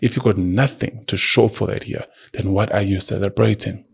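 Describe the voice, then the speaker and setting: The host of this solo motivational podcast is a man in his early thirties who lectures emphatically, speaking right to the listener. His gravelly, slightly rough voice is on the low side, with fairly even intonation at normal speed.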